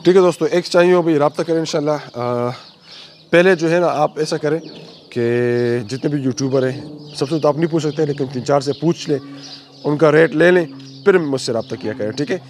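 Man, hoarse voice, chatty poultry vlog, clucking chickens and outdoor noise behind. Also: on the high side, normal speed, a little mellow. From Pakistan. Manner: chatty, talks to the birds, coaxing. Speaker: poultry breeder vlogger. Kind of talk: casual walkthrough vlog. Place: outdoor yard by chicken cages. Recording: noisy outdoor recording with chickens.

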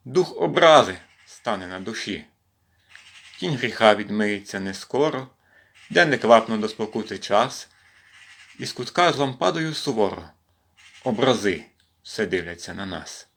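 A man from western Ukraine reading poems aloud in an expressive recitation during a home livestream. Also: medium pitch. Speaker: poetry reader in a volunteer series. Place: at home with his cat.

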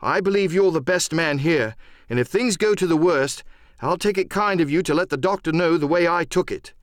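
A man's voice: mid-range voice, sing-song, moderate pace, dry recording, clean studio sound, pitched above the performer's own voice. A man voicing a proud, defiant boy among pirates in a storybook, speaking in an earnest, emphatic, declamatory way. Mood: brave, earnest.

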